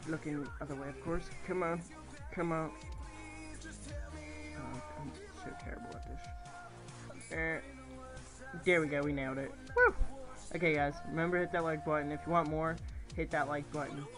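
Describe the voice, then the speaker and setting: A man's voice: a little high, little pitch movement, a little fast, music in the background, poor audio. Rambling young man narrating his game. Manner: rambling, thinks aloud, self-correcting, swears casually. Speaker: gaming channel host. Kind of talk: casual game commentary.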